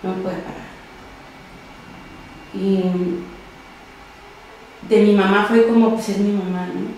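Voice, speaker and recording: Soft-spoken woman in an echoey room. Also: medium pitch, fairly even intonation, slow pace, slight background noise. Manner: soft-spoken, often trailing off quietly. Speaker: podcast guest. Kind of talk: personal testimony in an interview.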